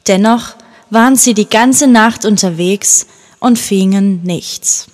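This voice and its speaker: Woman, Bible story narrator, gentle, calm, steady storytelling. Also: mid-range voice, takes it slowly.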